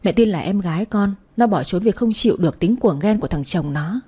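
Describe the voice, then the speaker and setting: Woman doing an older mother, bitter, husky soft voice. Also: medium pitch, animated, a little fast. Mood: sorrowful. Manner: bitter, grieving. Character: indignant older mother, fiercely defends daughter.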